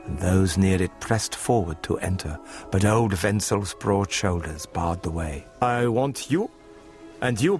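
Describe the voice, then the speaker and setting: Deep-voiced man reading a dark tale. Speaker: narrator. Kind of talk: dramatic story reading. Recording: music behind.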